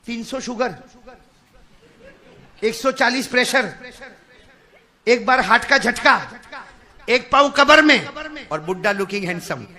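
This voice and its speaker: A middle-aged male preacher delivers a live sermon in a strikingly high voice with a piercing, bright edge. He moves between quiet coaxing and shouted fervor. He keeps pressing his listeners to call out their answers.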